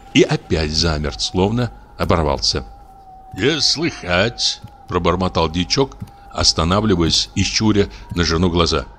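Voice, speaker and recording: A man's voice: deep voice, fairly bright tone, slight background noise. A man reading a classic short story aloud as an audiobook narrator. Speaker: audiobook reader.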